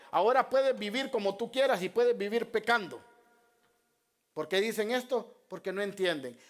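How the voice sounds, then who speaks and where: A male pastor preaching a sermon, repeating Bible references and putting rhetorical questions to his congregation. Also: high voice. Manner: repeats Bible references and addresses listeners as beloved brothers.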